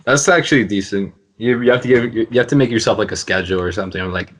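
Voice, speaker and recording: Heavy background noise surrounds a young male podcast host, a university student, who talks rapid-fire in a fairly low voice. He's in a casual chat, teasing his friends with jokes.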